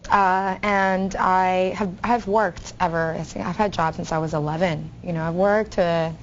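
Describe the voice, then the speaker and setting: Low-voiced woman telling her story. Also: fairly even intonation, unhurried. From Bahamas. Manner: earnest, with fillers and restarts. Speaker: guest author. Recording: dull audio, faint noise.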